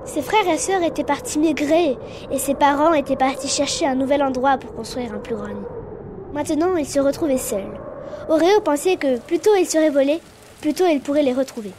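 A woman narrating a children's animal story in a calm, even storytelling voice. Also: sits high, normal speed, noisy background.

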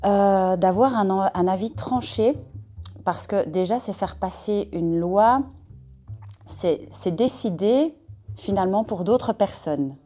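Hesitant, mellow-voiced woman from Belgium. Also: medium pitch, slow pace, soft background music. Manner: hesitant, weighing words with many fillers. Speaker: discussion participant. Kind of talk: casual discussion.

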